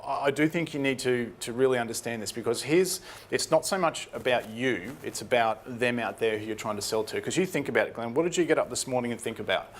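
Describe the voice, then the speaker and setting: A man, a guest expert, explaining ideas in a measured, conversational way in an interview. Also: mid-range voice, slight background noise. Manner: measured, explanatory, lots of "right?" and "yeah". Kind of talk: casual interview chat.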